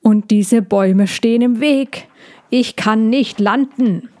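A woman voicing an old, imperious female elder dragon in a storybook reading, booming, slow and grumbling. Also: lively intonation, darkish tone.

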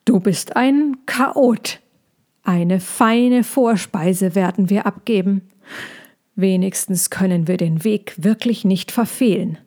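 A woman's voice: medium pitch, slow pace, dark tone, close to an everyday voice. A woman voicing an anxious, fussy male hedgehog in a storybook reading, talking in a fretful, scolding way. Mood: exasperated.

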